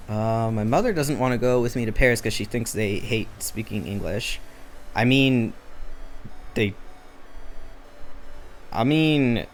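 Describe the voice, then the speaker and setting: A man streaming live as he draws, chatting casually with his chat and muttering to himself about his work. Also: mid-range voice. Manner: chatty, reads and answers chat, mutters to himself while working.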